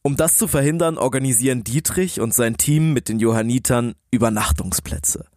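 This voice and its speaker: A man's voice: mid-range voice, normal speed, darkish tone, no echo, clean studio sound. A man co-hosting a podcast, telling stories in a conversational style. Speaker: podcast co-host.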